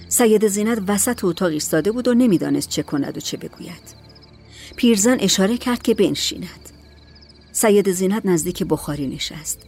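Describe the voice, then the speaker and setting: A woman narrating a story in a calm, measured audiobook reading. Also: lowish voice.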